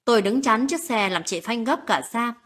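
A woman narrating a late-night romantic story in a calm, steady reading voice. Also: on the high side, normal speed, breathy edge.

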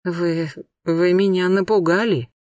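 A man's voice: high voice, steady tone, a little slow, darkish tone, dry recording, studio quality. A man voicing a frail, frightened old man who is hard of hearing and talks in a trembling, pleading way. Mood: shaky explaining. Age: older. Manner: trembling, pleading, asks to repeat.

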